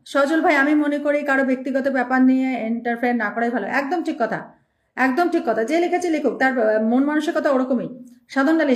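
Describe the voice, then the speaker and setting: A woman's voice: high voice, echoey room. A woman hosting a live stream, reading out viewer names and thanking them one after another in speech.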